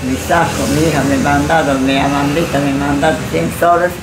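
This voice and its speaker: A woman's voice: sits low, steady tone, brisk. An older woman, a shopkeeper, telling in a rambling, repetitive way how she was robbed, interviewed in her small shop. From Peru. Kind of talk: interview testimony. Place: small indoor corner shop. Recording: echoey room with loud background noise.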